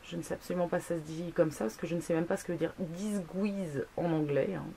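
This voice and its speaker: A woman's voice: on the low side, steady tone, quick pace, gravelly, mellow, a little hiss or hum. A woman vlogging a casual product review, chatty, with many fillers, asides and self-mocking jokes. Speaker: beauty blogger.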